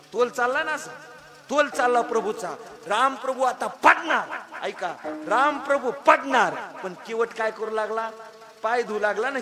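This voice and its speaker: A man preaching a comic devotional sermon, telling a story emphatically and calling out to the audience, into a handheld microphone. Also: sits high. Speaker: kirtan preacher.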